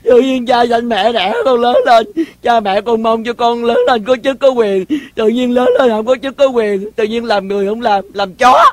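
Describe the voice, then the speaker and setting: An actor playing a panicky, fawning palace servant in a Vietnamese opera, wailing and pleading in a high, piercing stage voice. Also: male voice, steady tone, normal speed, few pauses, a little mellow, dry recording. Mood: comic whining. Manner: wailing, frantic comic pleading. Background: opera orchestra.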